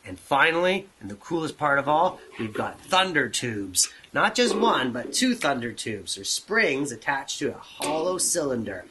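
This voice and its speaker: A man's voice: medium pitch, very animated, unhurried, hardly any pauses. A man hosting a children's music lesson, playful and talking straight to the kids. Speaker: children's show host. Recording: noisy recording.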